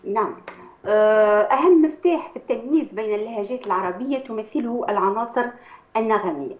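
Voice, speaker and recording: A woman's voice: a little high, a little mellow. Woman lecturing, echoey lo-fi sound. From Tunisia. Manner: measured, lecturing, with frequent hesitation sounds. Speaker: Arabic language professor, guest. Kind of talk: academic explanation.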